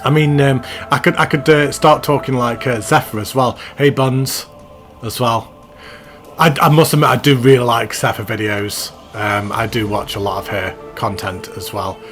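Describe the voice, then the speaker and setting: A man's voice: medium pitch, fairly even intonation, moderate pace, fairly bright tone, poor audio. A man hosting a gaming channel, giving a chatty, self-mocking commentary voice-over and laughing at himself. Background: background music.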